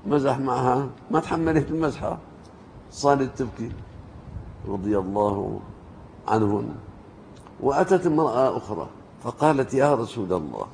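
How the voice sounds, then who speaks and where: A male preacher tells stories in a mellow, warm voice. He talks like an animated storyteller and rises sharply to stress his points. Faint noise sits under the voice. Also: mid-range voice. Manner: animated storyteller, jumps into quoted voices, rising emphasis. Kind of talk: storytelling sermon.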